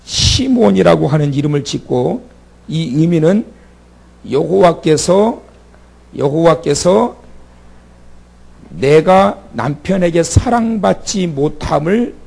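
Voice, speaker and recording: Gravelly, husky-voiced male preacher. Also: on the high side, darkish tone. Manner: conversational preaching, asks the congregation questions and has them repeat after him. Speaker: pastor. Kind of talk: sermon at a prayer meeting. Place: church sanctuary.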